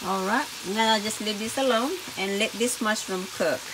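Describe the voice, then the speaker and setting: A woman's voice: mid-range voice, normal speed, noisy background. A woman hosting a home cooking video, chatting to viewers as "everyone" while she narrates each step at the stove. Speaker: cooking channel host. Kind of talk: casual cooking demonstration. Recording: home kitchen with loud sizzling pan. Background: loud frying and sizzling.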